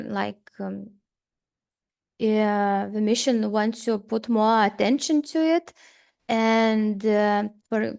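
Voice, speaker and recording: Slow, hesitant woman presenting. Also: a little high, creaky, a little mellow, smooth. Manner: hesitant, many pauses and fillers. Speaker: seminar presenter. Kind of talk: presenting slides at a seminar.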